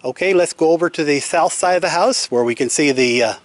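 A homeowner gives an unscripted tour of his house under construction, walking outdoors through the open timber frame while holding a camera. His voice is fairly high and a little fast, and he explains things matter-of-factly, with no room sound on the recording.

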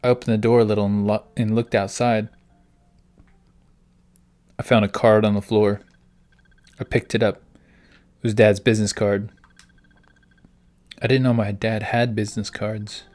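A man's voice: fairly low pitch, flat delivery, unhurried, pauses often, a little mellow. A man, the host of a gaming channel, playing through a story game, reading its text aloud and reacting in puzzled asides. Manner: reads dialogue aloud in a plain voice between puzzled asides.

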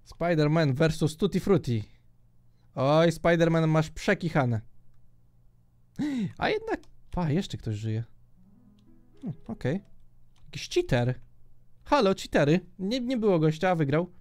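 A young man giving joking, excitable commentary while he plays a multiplayer block-building minigame, often shouting at other players. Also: fairly high pitch, slow pace, pauses often. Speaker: gaming YouTuber.

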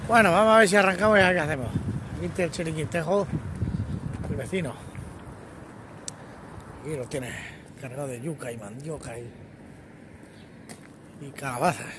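With wind and traffic noise around him, a chatty middle-aged truck driver records a casual vlog on his phone at arm's length beside the trucks and roadside, addressing viewers as artists. He speaks at a moderate pace in a fairly high pitch, pausing often, and the outdoor phone sound is noisy.

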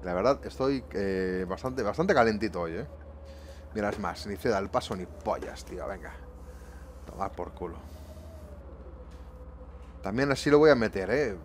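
A man's voice: fairly low pitch, lively intonation, moderate pace, long pauses, a little hiss or hum. A man commentating his bus-driving gameplay live home, swearing often and grumbling to his viewers. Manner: swearing, exasperated, talking to viewers. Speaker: gaming YouTuber. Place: home room.

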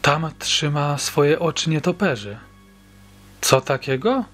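A cheeky, defiant little girl mutters back-talk in a storybook reading, spoken by a male narrator. Her lines sound only lightly lifted from the reader's own voice, with soft music faint underneath. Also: a little high, animated, slow, pitched above the performer's own voice, full character voice. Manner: mutters sulky retorts.

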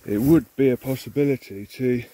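A vintage combine owner films his old machine on a handheld phone as he walks around it outdoors in an overgrown field. His medium-pitched, dark-toned voice moves at normal speed, and his casual walk-around narration rambles with many ums and restarts as he thinks aloud.

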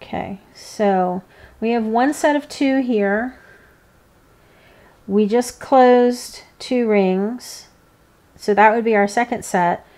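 A woman giving informal, hands-on step-by-step craft instruction, pausing between steps. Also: on the high side, a little mellow. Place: indoors, seated at a work table.

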